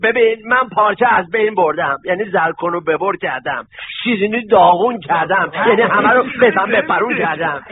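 A man's voice: high-pitched, few pauses, slightly rough. A man playing a naive, cheeky bald young man pleading his case in a radio drama, chuckling to himself. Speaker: accused youth. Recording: tinny lo-fi radio recording.

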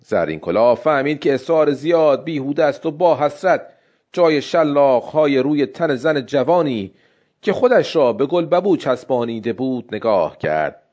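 A man reading a literary story aloud in steady narration. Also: medium pitch.

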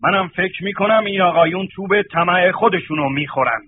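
A man's voice: high voice, a little hiss or hum, natural voice. A man playing a stern town police chief judging a case in a radio drama, commanding silence. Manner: commanding, repeating calls for silence. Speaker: judge. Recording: tinny lo-fi radio recording with music.

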